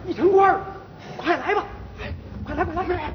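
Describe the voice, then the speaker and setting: Animated high-voiced woman storyteller. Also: a little hiss or hum. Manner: animated, acting out quick exchanges. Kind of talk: comic storytelling performance. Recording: dull lo-fi recording in a reverberant hall.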